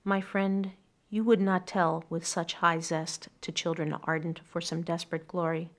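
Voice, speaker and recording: Her pitch is fairly low and barely moves as she talks at a moderate pace. The middle-aged woman, thoughtful and earnest, recounts family memories and reads poetry in a quiet room with furniture.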